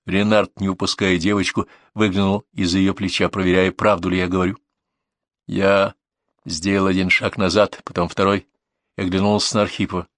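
A man's voice: sits low, flat delivery, moderate pace, a bit bright, no echo. A man narrating a first-person audiobook in a tense, dramatic way, recorded in a dry booth.

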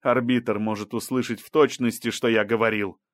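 A man's voice: medium pitch, fairly even intonation, normal speed, dry recording, lightly acted. A defensive male scientist on trial, as the narrator voices him, protesting and pleading in a slightly raised, tense voice. The reading is dry and close, with no room sound.

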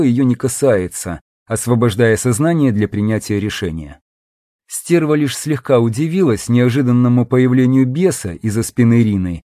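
In a steady, even storytelling manner, a man with a mid-range voice reads scripted narration for an audiobook. The recording is dry and clean, with studio quality.

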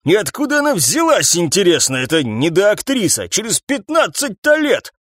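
A man voicing an irascible old police captain near retirement, yelling hoarsely in a storybook reading. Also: high voice, huge pitch swings, moderate pace, dry recording, clean studio sound, pitched above the performer's own voice, heavily acted. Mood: grumbling.

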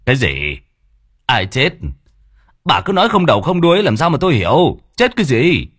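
A man voicing a gruff, short-tempered older village chief who barks blunt questions. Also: mid-range voice, huge pitch swings, moderate pace, a bit bright, no room sound, studio quality, voice pushed up, exaggerated voice. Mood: irritated.

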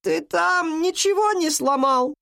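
A storybook narrator voicing a grandmother who calls loudly up the stairs, fussing. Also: very high-pitched, a little slow, vocal fry, pitched above the performer's own voice, exaggerated voice. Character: grandmother calling from downstairs.

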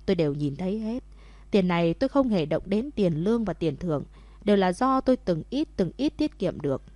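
A woman's voice: fairly low pitch, sing-song, a little fast, a little mellow, dry recording. A woman reading the lines of an older man tenderly proposing again to his wife in a storybook. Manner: tender, heartfelt.

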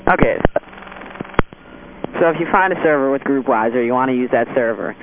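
A man's voice: medium pitch, brisk. A man leaving a casual, rambling message from a payphone, full of ums and uhs. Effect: payphone call. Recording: tinny noisy payphone line.

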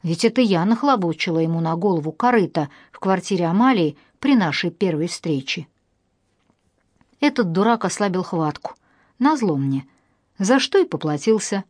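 A woman narrating a first-person audiobook in a wry, lively storytelling manner. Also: on the low side, moderate pace, dry recording, clean studio sound.

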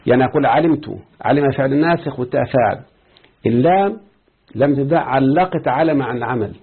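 Husky Egyptian sheikh teaching grammar. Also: male voice, mid-range voice. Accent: Egyptian Arabic. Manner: explains step by step, quizzes students, quotes examples slowly. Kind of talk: classroom grammar lesson. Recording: tinny phone-like lo-fi recording.

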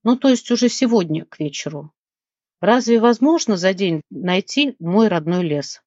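A woman's voice: medium pitch, expressive, moderate pace, a little mellow, dry recording, lightly acted. A woman reading an audiobook and voicing a small, whiny, greedy male gnome who wails and sulks. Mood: pleading. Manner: wailing, sulky and pleading. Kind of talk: audiobook character voice. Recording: dull, dry lo-fi recording.

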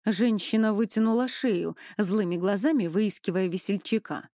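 A woman narrating a story in an expressive storytelling manner, close to the mic. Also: mid-range voice, normal speed, no room sound. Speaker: audiobook narrator. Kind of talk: scripted narration.

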